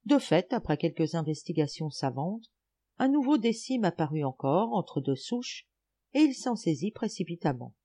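A woman reading a story aloud as an audiobook reader, in lively and expressive literary narration. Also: fairly low pitch, moderate pace.

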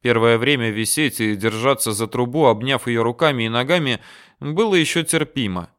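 Brief: male narrator, resonant clear voice, steady first-person audiobook reading. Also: medium pitch, moderate pace.

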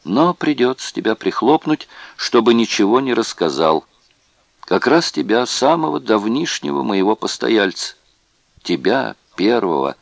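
A man's voice: mid-range voice, big pitch swings, a little slow, vocal fry, no echo. A man voicing a cruel, tipsy male camp guard who taunts in a mock-friendly way. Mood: taunting.

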